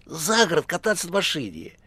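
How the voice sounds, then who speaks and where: A man's voice: fairly high pitch, huge pitch swings, bright, forceful tone, breathy edge, no echo, voice pushed up, heavily acted. A man voicing a fawning male chatterbox who gushes over the phone in an audiobook. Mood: gushing. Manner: gushing, rapid chatter.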